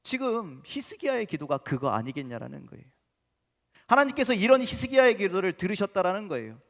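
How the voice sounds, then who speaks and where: Animated male pastor preaching with long church reverb. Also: high-pitched, fairly quick. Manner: animated, emphatic preaching with sudden loud rises. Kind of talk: sermon. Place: church sanctuary.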